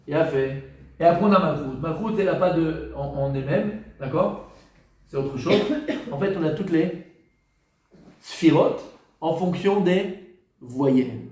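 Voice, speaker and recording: A man leads a class as a rabbi, asking the room questions and answering them himself. His voice sits fairly high. The sound rings in an echoey room. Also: unhurried, long pauses, a little mellow. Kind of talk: lively classroom teaching.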